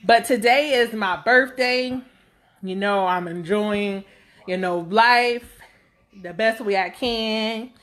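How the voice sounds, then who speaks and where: A woman in her thirties vlogging straight to camera, with a rather high, bright and forceful voice. She rambles and speaks bluntly, leaning on fillers as she goes. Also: takes it slowly. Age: 30s. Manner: blunt and outspoken. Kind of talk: casual talk to camera.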